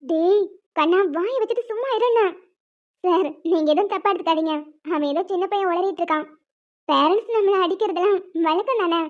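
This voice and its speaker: Woman doing a meek young cartoon sister, polite, soft, very high pitch, lo-fi. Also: a little fast. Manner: soft-spoken, apologetic, polite. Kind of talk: cartoon voice acting. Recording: dull lo-fi sound.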